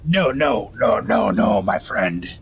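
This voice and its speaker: Guy playing a buff teddy bear toy, patient and earnest, music softly underneath. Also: lowish voice, lively intonation, slow pace, gravelly, heavily acted. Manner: earnest, patiently over-explaining.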